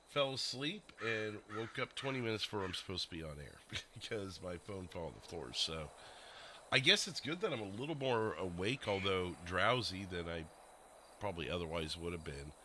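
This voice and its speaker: This livestream host's voice sits on the low side, with lively intonation and a normal speed, and there's background noise behind him. Talking into a desk microphone, he casually shoots the breeze with viewers, wandering off topic, mocking himself and using plenty of fillers.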